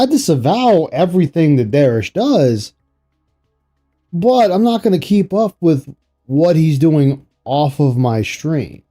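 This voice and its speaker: A man's voice: on the high side, mellow. A man streaming, commenting sarcastically and incredulously on an interview clip he is playing. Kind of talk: reaction commentary.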